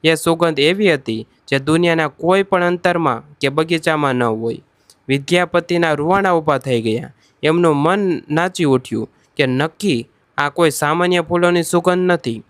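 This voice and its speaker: A man's voice: fairly high pitch, moderate pace, clear, resonant tone, dry recording. A man narrating a devotional story, addressing listeners as devotees with emotive delivery.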